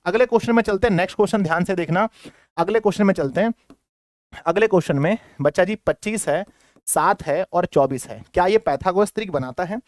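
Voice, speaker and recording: A man teaching maths to school pupils in a lively, playful way, firing questions at the class and acting out their replies. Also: sits high, fast, no room sound, studio quality. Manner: playful, acts out students' replies in a sing-song voice. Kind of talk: energetic classroom lesson.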